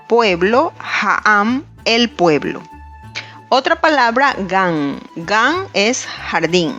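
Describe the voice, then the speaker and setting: A woman teaching a grammar lesson in a careful, scripted way, pausing to spell out each example. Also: medium pitch, a bit bright, dull audio. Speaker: language teacher.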